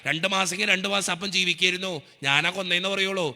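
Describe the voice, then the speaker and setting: A man's voice: sits high, fairly even intonation, quick pace, pushed and bright, big-room sound. A young male priest with a Malayali accent, telling a personal story in an earnest sermon and acting out the dialogue. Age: young adult. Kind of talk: emotional sermon testimony.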